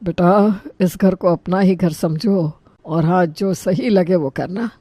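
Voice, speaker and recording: Woman doing a gentle old father-in-law. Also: fairly low pitch, dry recording. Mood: kindly. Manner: slow, soft, blessing tone.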